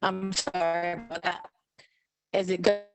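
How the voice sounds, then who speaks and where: A woman calling in to a board meeting over a poor connection, speaking in an apologetic, halting way. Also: on the low side, level tone, far from the mic, faint music behind. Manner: apologetic, halting with many ums. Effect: poor call connection. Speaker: public commenter calling in. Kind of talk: public comment at a board meeting.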